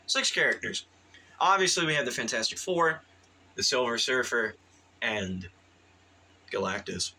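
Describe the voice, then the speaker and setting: A man's voice: mid-range voice, pushed and bright, slight background noise, rough recording. A man giving a casual, rambling movie review, full of fillers and restarts and eager in tone.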